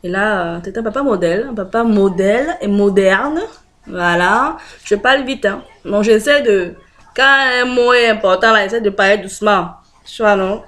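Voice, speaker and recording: A French woman talks straight to her camera in a loose, chatty way, pausing on fillers as she searches for words. Her pitch sits in an ordinary middle range for a woman, and she slips into easy laughter. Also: fairly bright tone. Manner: chatty, hesitant with many fillers, laughs often. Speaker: video blogger. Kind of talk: casual direct-to-camera chat.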